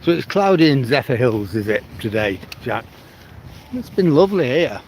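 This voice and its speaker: Strolling along a riverside promenade, this Manchester man with a mixed northern English accent runs a casual livestream, chatting away and replying to viewers by name. His medium-pitched voice is sing-song and darkish at a moderate pace, with a little hiss or hum in the audio.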